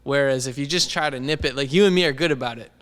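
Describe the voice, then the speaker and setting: A man co-hosting a casual podcast chat in an animated, reflective, informal way. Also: medium pitch, fast, clean tone, long reverb tail. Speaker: podcast co-host; video editor. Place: indoors.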